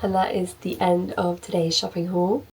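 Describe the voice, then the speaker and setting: A woman's voice: fairly low pitch, flat delivery, moderate pace, gravelly, darkish tone, far from the mic, slight background noise, rough recording. Chatty young woman vlogging casually. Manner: chatty, filler-heavy, upbeat. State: slightly hoarse. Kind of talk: casual vlog chat.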